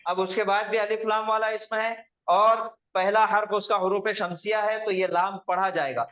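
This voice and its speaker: A male Quranic Arabic grammar teacher explains patiently, step by step, and drills pronunciation by slowly repeating words for his students. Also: high-pitched, fairly even intonation, a bit bright. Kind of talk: classroom lesson with students. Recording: roomy, dull lo-fi recording.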